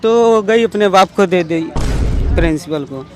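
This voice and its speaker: A man's voice: high-pitched, animated, unhurried, soft background music. A young man telling a rambling story in a casual street interview, acting out who said what and now and then raising his voice. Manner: rambling storyteller who acts out quoted dialogue, sometimes shouting.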